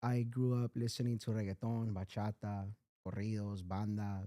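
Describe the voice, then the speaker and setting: A man's voice: fairly low pitch, level tone, moderate pace, warm tone. A young man from Inglewood, telling his story in a laid-back, slangy way as an interview guest. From Inglewood, California. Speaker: music artist guest. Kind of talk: casual interview chat.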